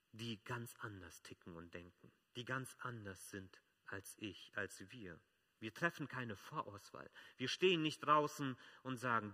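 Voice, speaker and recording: A man preaching a sermon as pastor, emphatic, swelling loud and dropping soft. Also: mid-range voice.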